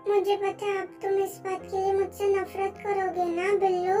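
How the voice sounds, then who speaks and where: A woman's voice: very high-pitched, monotone, normal speed, mellow, soft background music. A woman voicing an emotional, remorseful young woman in an amateur fan dub, speaking in a pleading way. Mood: earnest.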